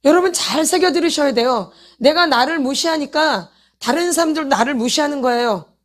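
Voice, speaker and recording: A pastor's wife leads a healing meeting in a high voice at normal speed. Preaching straight to the congregation, she presses them with repeated rhetorical questions and calls for repentance.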